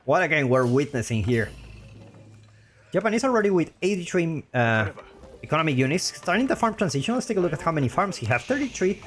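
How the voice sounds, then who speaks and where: A male game caster with a Spanish accent calls a strategy match in lively commentary, his pitch swinging up and down as the action shifts. He speaks English as a second language, often says a phrase twice to stress it, and faint game music plays behind him. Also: a little fast. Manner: animated, often repeats his own phrases.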